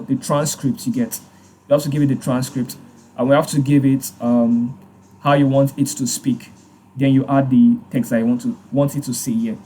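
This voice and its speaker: A man hosting a casual software tutorial, hesitant, with many fillers and restarts. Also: mid-range voice, slight background noise. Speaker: tutorial host. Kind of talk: casual screen-recorded tutorial.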